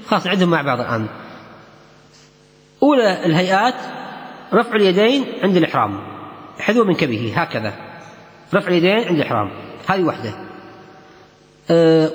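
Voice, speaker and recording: High lively man teaching. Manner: repeats key phrases, counts along with students. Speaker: religious teacher. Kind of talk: explaining a religious text in a class. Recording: echoey hall with long reverb.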